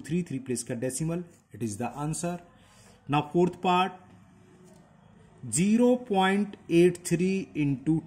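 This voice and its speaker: A man's voice: on the high side, a little mellow. A man working through textbook maths exercises aloud as a teacher, counting decimal places and checking in with his students.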